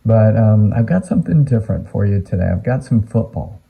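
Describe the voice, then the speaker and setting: A hoarse man with a raspy, tired voice talks casually to camera, rambling earnestly and pausing on plenty of ums. His voice sits fairly low. The sound is narrow and tinny, as if over a phone line. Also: expressive. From Atlanta, United States. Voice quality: raspy, worn-out voice. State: hoarse from teaching. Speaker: sports card collecting YouTuber.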